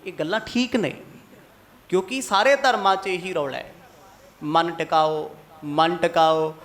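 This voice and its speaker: A high-pitched man preaching a Sikh katha sermon to a congregation. He is from Mohali in Punjab. He keeps putting pointed questions to his listeners and slips into the voices of the people he quotes. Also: steady tone, unhurried, fairly bright tone. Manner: asks the congregation rhetorical questions and acts out quoted speech.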